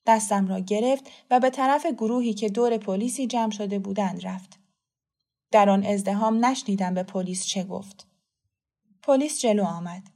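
A woman narrating a story as an audiobook, calm, measured and soft. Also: mid-range voice.

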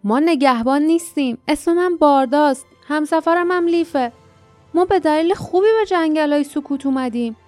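A gruff, insistent grown warrior, as a woman reader puts him on, firm and loud. Her voice stays fairly high in a dry audiobook recording, with faint music beneath. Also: dry recording, lightly acted. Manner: growling, insistent. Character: gruff adult male warrior companion.

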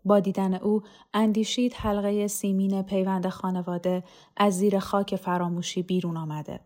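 A woman narrating a novel chapter in a calm, measured storytelling manner. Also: medium pitch. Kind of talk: scripted narration.

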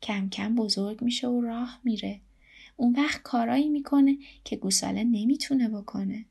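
A woman voicing a kind, patient old grandfather who speaks calmly and reassuringly. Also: a little high, gravelly, breathy edge. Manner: calm, reassuring.

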